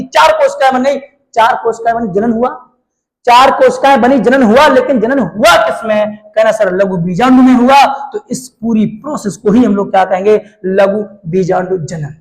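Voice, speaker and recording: A man's voice: very high-pitched, low-quality recording. A male biology teacher with a Hindi accent, giving a classroom lecture, quizzing students repetitively and drawing out key terms. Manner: repetitive call-and-response questioning; affectionate, calls students little darlings.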